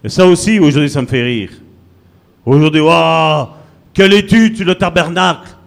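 A man preaching a sermon as pastor, swinging between loud bursts and low, quiet lines. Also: normal speed, creaky.

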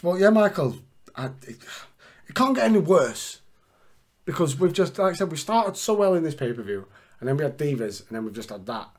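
Man, podcast host, excitable, sweary, casual chat. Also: a little high, a little fast. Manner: profane, excitable.

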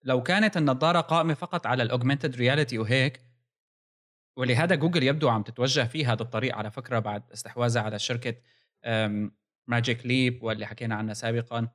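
A man's voice: medium pitch, rapid-fire, a bit bright. A man with a Levantine Arabic accent co-hosting a casual technology discussion, talking in an analytical, point-by-point way. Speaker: podcast co-host.

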